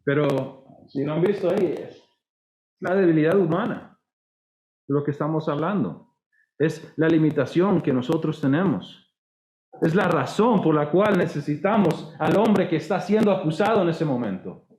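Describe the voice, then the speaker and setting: A man's voice: on the high side, animated, moderate pace, a little mellow, roomy sound, poor audio. A man preaching a sermon with a Costa Rican accent, conversational and acting out the voices he quotes. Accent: Costa Rican Spanish. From Costa Rica. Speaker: pastor.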